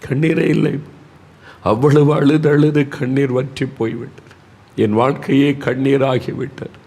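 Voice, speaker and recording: A man's voice: mid-range voice, fairly even intonation, gravelly. Emotive male preacher repeating words. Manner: moves between soft, slow lines and raised, pressing ones. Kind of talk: devotional sermon.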